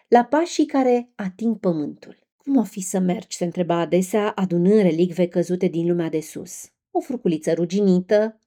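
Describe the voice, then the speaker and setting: A woman narrating a fairy tale in a soft, gently expressive storytelling manner. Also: lowish voice.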